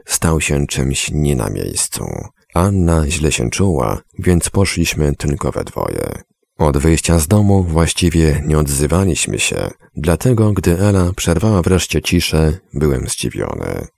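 A man narrating a story in a measured, somber audiobook reading. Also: rumbling low, big pitch swings, creaky, a little mellow, no room sound.

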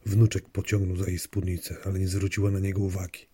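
A man's voice: low voice, flat delivery, quick pace, dark tone, husky. A man narrating a story in a wry, dry storytelling manner. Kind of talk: audiobook narration.

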